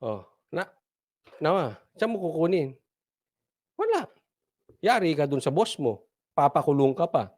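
A man's voice: fairly high pitch, wildly swooping pitch, measured pace, long pauses, a little mellow. A man hosting casual political commentary, mocking and laughing often and repeating his points for emphasis.

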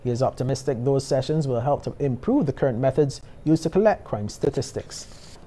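A middle-aged male news anchor with a Barbadian accent reads from a script in a TV studio. His voice is mellow and sits at an average pitch. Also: lively intonation, brisk, slight background noise.

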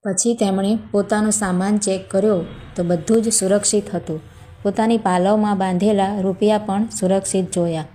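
A woman with a Gujarati accent narrating a scripted story in an even, measured way. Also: mid-range voice, a little hiss or hum.

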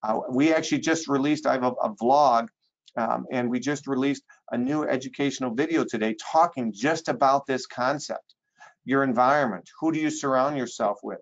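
A man's voice: medium pitch, moderate pace. Emphatic male webinar trainer, muffled audio. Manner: emphatic, repeats key phrases, coaching tone. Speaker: guest presenter, real estate trainer.

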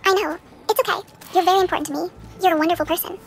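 A machine voice with a sped-up, high chipmunk effect, speaking as an eager AI chat companion in an earnest, soothing, overly reassuring way. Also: female voice, fairly even intonation, racing, vocal fry, soft background music. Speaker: AI chatbot companion.

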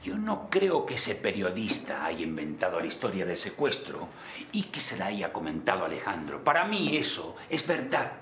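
A man's voice: deep voice, wildly swooping pitch, normal speed, roomy sound, music in the background, exaggerated voice. An actor playing a suspicious father who interrogates his son in a telenovela scene, pressing him for the truth. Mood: interrogating. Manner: interrogating, insistent. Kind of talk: telenovela acting.

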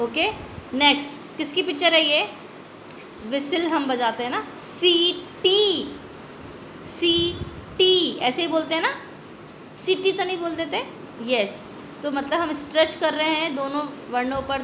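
An Indian woman teaching a young children's Hindi class, drawing out each word slowly and asking the kids questions. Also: high-pitched, pushed and bright, slight background noise. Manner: slow, drawn-out word stretching with quiz questions. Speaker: primary school Hindi teacher. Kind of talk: online class lesson. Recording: echoey room with faint ambience.

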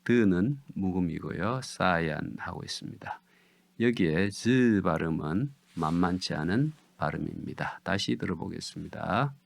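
A man teaching English pronunciation, explaining syllables slowly and reading each word out one by one. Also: deep voice, expressive, gravelly. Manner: drawn-out deliberate word-by-word reading. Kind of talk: slow instructional explanation.

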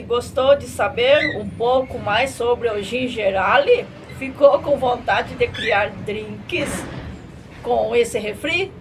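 A middle-aged woman with a fairly high voice hosts a drink-tasting vlog like a cute anime streamer. She speaks somewhat slowly, with cutesy Japanese catchphrases. The recording is made at a home table with clear ambient noise behind her. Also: poor audio. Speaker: vlogger reviewing drinks. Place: tiled home room at a table. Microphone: camera a short distance away.

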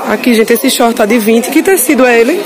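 A woman from Northeast Brazil vlogs from a busy street clothing market, showing off the stalls with a loud crowd all around her. Her voice is on the high side and fairly quick. She chats casually with her viewers, often speaking to them directly and repeating details.

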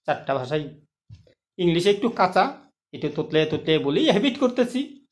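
A man's voice: high-pitched, very animated, moderate pace. A man giving a casual explanatory video talk on an online income plan. He is persuasive, calls the listener friend and keeps checking that they follow.

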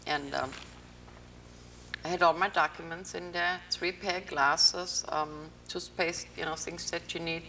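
A woman's voice: low-pitched, gravelly, sharp tone, far from the mic, slight background noise. An older woman from North Africa hosting a public access interview in a TV studio, telling long rambling stories. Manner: chatty, rambling storyteller. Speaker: host. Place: TV studio with green-screen backdrop.

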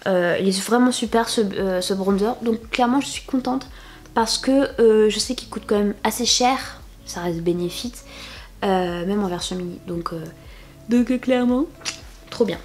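A woman's voice: medium pitch, normal speed, darkish tone. Chatty young woman showing off a haul. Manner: chatty, many fillers and restarts, playful "tada" reveals. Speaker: beauty vlogger. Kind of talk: casual haul video chat.

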